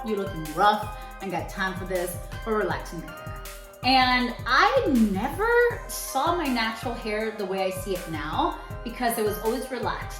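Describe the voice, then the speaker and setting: A young woman from Cuba talks candidly to camera in a relaxed vlog, sometimes rushing ahead and sometimes slowing down for emphasis. Her voice sits at a middle pitch and carries a roomy echo, with faint music playing underneath. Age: young adult. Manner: chatty and candid, switches between quick and slow emphatic phrasing. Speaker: podcast co-host and vlogger. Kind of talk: casual vlog storytelling.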